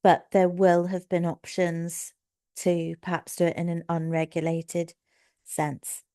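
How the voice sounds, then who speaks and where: A woman's voice: lowish voice, little pitch movement, takes it slowly, mellow. A woman co-hosting a podcast in casual chat, upbeat and reasoning things through. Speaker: podcast co-host.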